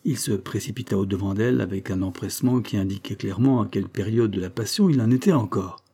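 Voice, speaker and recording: Man reading a story aloud, lively dialogue. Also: lowish voice, fast, slightly rough. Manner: lively, raises his voice for the dialogue. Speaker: reader. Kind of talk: audiobook reading of a short story.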